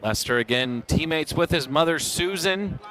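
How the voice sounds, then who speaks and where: A man giving live poker commentary as a tournament commentator, calling the play in a measured, unhurried way with pauses. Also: a little high, animated, fairly bright tone, some chatter behind.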